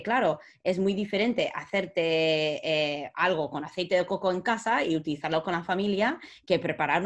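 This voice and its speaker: A woman hosting a casual podcast interview, chatty, with frequent fillers and restarts. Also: on the low side. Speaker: podcast host.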